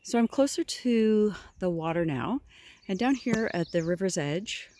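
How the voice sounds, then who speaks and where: Walking through spring woods by a river, a middle-aged woman films herself on a phone held at arm's length while gently explaining how she forages on her land. Her mid-range voice has lively intonation, and her casual narration is admiring and unhurried, with slight background noise.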